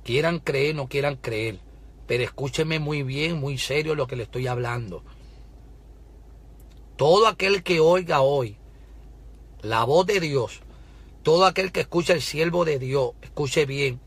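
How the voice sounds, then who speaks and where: Male prophetic preacher, bright forceful tone, measured fervent warnings, bursts of tongues. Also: on the high side, husky. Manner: fervent, repeats commands to listen. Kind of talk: prophetic sermon.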